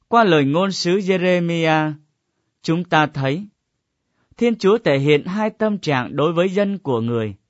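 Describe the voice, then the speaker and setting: A man's voice: a little high, a bit bright, no room sound. Solemn man reading scripture. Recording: dull, dry lo-fi recording.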